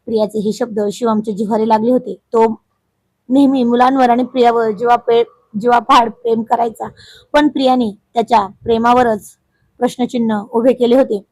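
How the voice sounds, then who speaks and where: A woman's voice: on the high side, steady tone, brisk, darkish tone, dry recording, low-quality recording. Woman telling a dramatic family story. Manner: emotive, dramatic.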